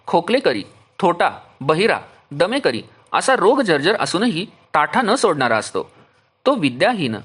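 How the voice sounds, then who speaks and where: A man reading and explaining a devotional text, listing traits one by one with measured pauses. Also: fairly high pitch, a bit bright, slightly rough. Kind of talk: steady devotional reading of a list.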